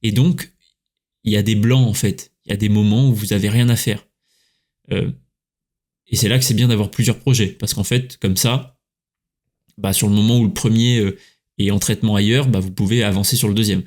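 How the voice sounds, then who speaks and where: A man's voice: lowish voice, normal speed, pauses often. Chatty French podcaster man. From France. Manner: relaxed, chatty, many fillers and self-corrections. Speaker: podcast host, writer and coach. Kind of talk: casual solo podcast talk.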